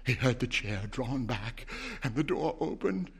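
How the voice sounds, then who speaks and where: A man giving a dramatic live reading of a short story, moving from hushed whispers to urgent intensity. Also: medium pitch, lively intonation, a little slow, gravelly, slightly rough. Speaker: story reader.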